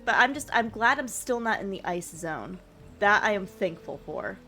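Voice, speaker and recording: A woman's voice: medium pitch, sing-song, moderate pace, sharp tone, soft background music. A young woman, chatting casually with her stream while out of breath, rambling and laughing often. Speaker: vtuber streamer.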